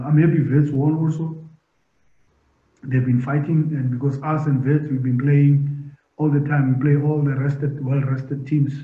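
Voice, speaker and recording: A middle-aged man, a football coach answering post-match press questions in an emphatic way, repeating words and asking rhetorical questions, over a video call. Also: medium pitch. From South Africa. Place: press room in front of sponsor board. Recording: echoey, tinny video-call audio.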